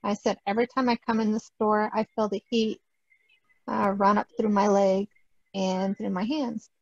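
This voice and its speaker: A woman's voice: medium pitch, level tone, moderate pace, a little mellow, no room sound, dull audio. A woman on a video call telling how she learned she was a healer, hesitant and quoting herself. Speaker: guest healer. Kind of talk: casual storytelling.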